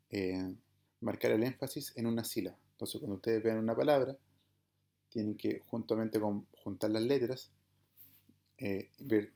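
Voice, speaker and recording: A man's voice: fairly low pitch, creaky, mellow. A man teaching an online class, explaining patiently and often checking whether his students follow. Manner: patient, explanatory, checks understanding with "¿verdad?" and "¿bien?". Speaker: Greek teacher.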